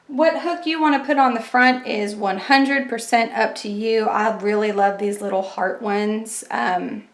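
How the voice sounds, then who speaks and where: Unhurried and steady in tone, this woman's voice sits on the high side. As a craft channel host she gives a chatty, step-by-step tutorial despite fighting a cold and losing her voice, recorded in an echoey room with faint kitchen clatter.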